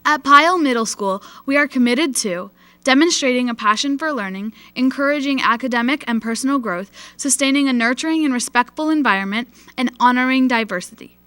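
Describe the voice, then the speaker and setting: Bright young American girl reading school announcements. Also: high-pitched, brisk, clear, resonant tone, no room sound. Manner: reading aloud from a script. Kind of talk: scripted school morning announcements.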